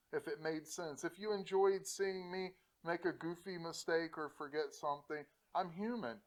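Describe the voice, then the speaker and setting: A man's voice: on the high side, low-quality recording. A man hosting a PC-building tutorial, talking casually to the camera, joking and laughing often while encouraging viewers. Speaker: host of a PC-building channel.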